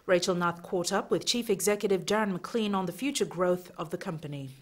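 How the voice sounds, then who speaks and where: A woman's voice: lowish voice, a little fast. A young woman reading scripted news as an anchor. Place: television studio.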